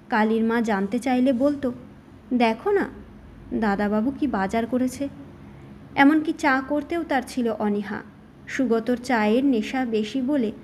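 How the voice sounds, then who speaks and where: A woman storyteller narrating a short story for an audiobook in a steady, measured reading. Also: on the high side, slight background noise.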